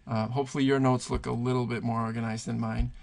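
A man's voice: mid-range voice, flat delivery, fast talker, creaky, a little mellow. A man teaching Spanish verb conjugations, patiently thinking aloud and pointing things out as he writes. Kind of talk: explaining grammar at a whiteboard.

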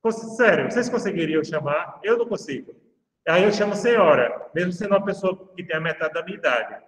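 A man's voice: high-pitched, lively intonation, fairly quick. A man with a Brazilian Portuguese accent, a law professor giving a university lecture and speaking straight to his students in a chatty way. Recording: reverberant room, voice far from the mic.

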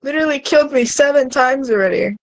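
A woman's voice: high voice, fast, no room sound, low-quality recording. A young woman co-playing a horror game on a live stream, swearing, yelping and laughing as she plays. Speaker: co-player. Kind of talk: live-stream gaming chat.

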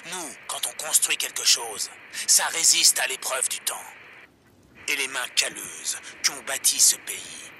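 An actor playing a defiant, conspiracy-minded radio broadcaster in a video game, preaching with emphatic folksy rhetoric. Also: male voice, mid-range voice, sharp tone. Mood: proud, defiant.

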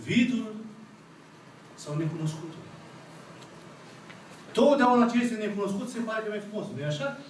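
In a small church, a thirtyish Orthodox priest with a Romanian accent preaches on a parable, slow and emphatic, leaving long dramatic pauses and speaking the characters' lines himself. His high voice is animated, and the congregation sits before him. The distant camera at the back of the room picks up echo and slight background noise.

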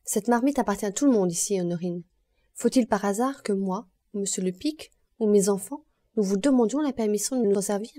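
A woman's voice: mid-range voice, brisk, mellow, lightly acted. A woman voicing a stern, cold mistress of the house who scolds reproachfully, in an audiobook.

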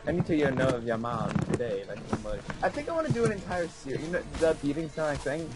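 A man's voice: on the high side, sing-song, fast talker. A teenage boy chatting casually while his friend plays, rambling and restarting his sentences, with music under his voice. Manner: rambling storyteller, restarts a lot. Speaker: friend co-commentating. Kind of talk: casual chat over gameplay.

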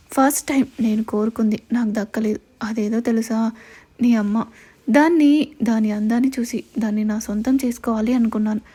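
A woman puts on a cold, gloating male gang boss who threatens with calm menace. The voice sits a little high and sounds mellow rather than harsh, in a storybook-style drama reading. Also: natural voice. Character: vengeful middle-aged male villain gang boss.

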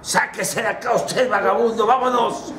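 A man's voice: high voice, moderate pace, fairly bright tone, reverberant, slight background noise, voice pushed up. A man with a Mexican Spanish accent playing a dismissive palace guard who chases off a beggar. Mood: scornful. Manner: mocking, dismissive. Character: scornful palace guard turning away a vagrant.

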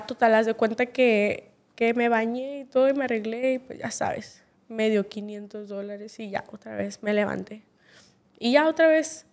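A woman in her twenties with a Mexican accent, a podcast guest telling her own life story bluntly, full of slang and constant swearing. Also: on the high side. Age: 20s. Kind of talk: candid personal storytelling.

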